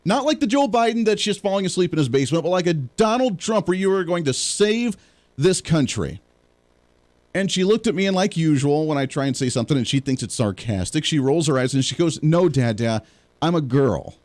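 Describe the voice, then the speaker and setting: A man's voice: a little high, expressive, fairly quick, a little mellow. A man hosting a political talk show, joking and rambling through sarcastic asides as he chats to his audience. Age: young adult or middle-aged parent. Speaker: host.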